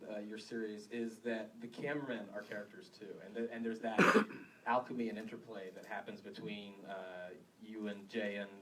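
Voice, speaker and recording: A man's voice: fairly low pitch, flat delivery, normal speed, noisy background. A man moderating a screening Q&A, asking casual questions and giving brief affirmations. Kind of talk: interview questions. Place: theater with audience. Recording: distant mic in a crowded theater.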